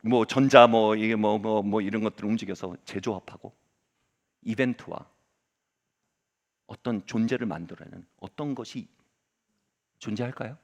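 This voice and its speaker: A middle-aged male pastor gives a Sunday sermon built around a personal story, speaking at normal speed with a fairly low pitch. He pauses often and swings from loud exclamations to hushed asides.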